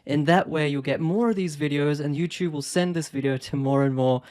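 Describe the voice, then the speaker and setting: A property investment YouTuber in his thirties, born in India and raised in New Zealand and Australia, speaks with that accent in a slightly high, slightly quick, darkish and smooth voice. Recorded on a phone, he chats to camera about investing in a casual, upbeat way, with little laughs and plenty of ums.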